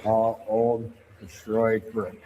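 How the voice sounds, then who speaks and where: A man out of breath, excitedly narrating as he walks outdoors by a river canal, filming on a handheld camera. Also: on the low side, slow pace, lo-fi sound. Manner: excited, amazed commentary. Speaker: vlogger exploring ruins. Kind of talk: outdoor walking vlog. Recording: noisy outdoor ambience.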